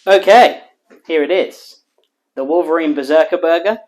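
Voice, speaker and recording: A man hosting a cooking vlog, walking through a burger recipe in calm voice-over and then tasting it on camera with loud, joking enthusiasm. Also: a little high, moderate pace, faint music behind. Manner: energetic and jokey, exclaims while tasting; calm, steady instruction in voice-over. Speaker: cooking show host.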